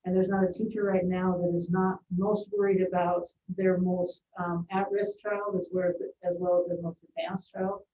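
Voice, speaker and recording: A woman speaks earnestly and haltingly, her voice low, flat and mellow. She is heard from far off in an echoey meeting room. The sound is dull and muffled. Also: slight background noise. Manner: earnest, hesitant with fillers. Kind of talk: board meeting remarks. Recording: distant, roomy, dull meeting-room audio.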